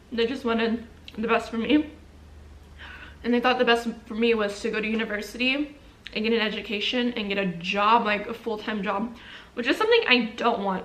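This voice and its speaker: Slightly high and a bit bright, a young woman's voice carries her home vlog, recorded indoors near a window. Between sandwich bites she chats to camera, rambling along with frequent "likes" and false starts.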